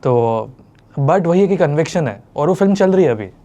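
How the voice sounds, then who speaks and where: A man hosting an interview, asking questions in a relaxed, casual way and mixing in English words. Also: fairly high pitch, normal speed. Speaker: interview host.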